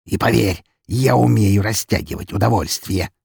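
A man's voice: lowish voice, normal speed, vocal fry, a little mellow, husky, heavily acted. A man voicing a cruel, menacing nobleman who snarls harsh threats and drags out his words. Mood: raging. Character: cruel menacing nobleman count, brutal and cold.

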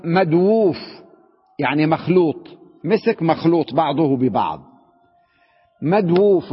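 A man teaching a grammar lesson, who poses questions to his class, answers them himself and repeats each word slowly. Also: on the high side, breathy edge. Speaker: sheikh teaching Arabic grammar. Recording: dull lo-fi recording with long reverb in a hall.

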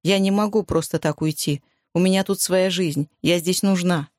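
A narrator voicing a firm young wartime wife who speaks calmly and steadily, in a dry recording. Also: mid-range voice, moderate pace, no echo, lightly acted.

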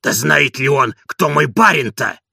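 A man voicing a hoarse, devoted old servant in an audiobook, indignant and boastful. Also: medium pitch, lively intonation, a little slow, sharp tone, dry recording, studio quality, exaggerated voice. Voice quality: gravelly, hoarse.

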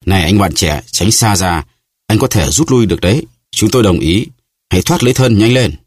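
A man's voice: fairly low pitch, lively intonation, brisk, a little mellow, slightly rough, no room sound, clean studio sound, voice pushed up. A man voicing a barking guard captain. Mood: impatient. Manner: barking orders, officious. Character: haughty male guard captain, commanding.

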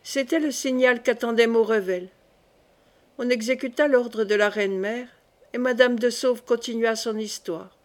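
A woman narrates a classic novel as an audiobook, measured and clear. Her voice sits a little high for a woman. She reads at an even, steady pace. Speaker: audiobook reader. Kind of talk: reading a classic novel aloud.

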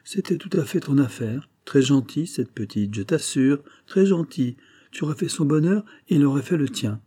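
A man's voice: mid-range voice, expressive, moderate pace, mellow, slightly rough, no room sound, studio quality, pitched above the performer's own voice. A man voicing a vain, blustering older banker who lectures his son in a familiar, exasperated tone. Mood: teasing, familiar. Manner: familiar, then scolding and exasperated.

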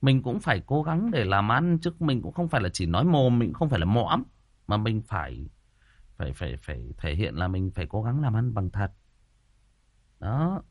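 A man's voice: fairly low pitch, sing-song, normal speed, dry recording. A man telling a first-person story in a chatty, repetitive way, speaking straight to his listeners.

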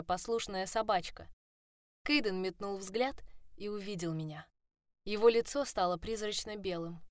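A woman's voice: medium pitch, dry recording, clean studio sound. A woman reading a first-person audiobook, voicing the dialogue herself. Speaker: audiobook narrator.

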